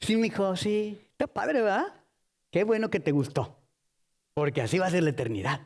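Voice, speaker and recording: A man voicing a calm, fatherly teacher who speaks gently and reassuringly. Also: high voice, moderate pace.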